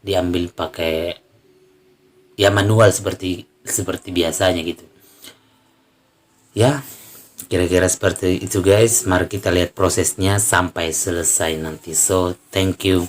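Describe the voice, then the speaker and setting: A man with a very low voice talks casually to his viewers from outdoors beside a spring. He is from North Sumatra and pauses often, filling gaps with hesitant "em" sounds as he explains things. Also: steady tone, slight background noise. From North Sumatra, Indonesia. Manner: hesitant, with many filler sounds. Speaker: vlogger. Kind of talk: casual vlog narration.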